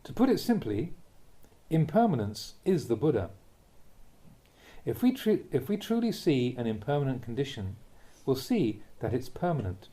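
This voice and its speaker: Reading a spiritual teaching aloud as a monk would, a man uses a mellow, soft-edged, mid-pitched voice that rises and falls expressively with big pitch swings. His phrasing is measured and deliberate, delivered in short clauses, in the style of a read-aloud dharma talk or audiobook narration.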